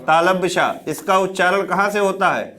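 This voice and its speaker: A man's voice: high-pitched, normal speed, sharp tone. A man teaching a classroom lecture. He keeps asking his students questions, answers them himself and repeats the key words. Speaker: Hindi exam teacher.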